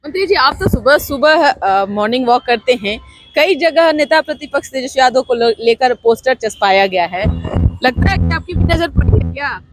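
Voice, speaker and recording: A woman reporter asking brisk, polite questions in a street interview. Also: on the high side, big pitch swings, soft background music.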